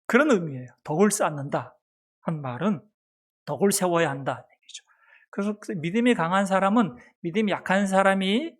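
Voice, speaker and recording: A man's voice: sits high, a little fast. A man preaching a sermon as pastor of a church, asking the congregation questions and answering them himself. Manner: acts out a mother's soft baby talk. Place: church sanctuary.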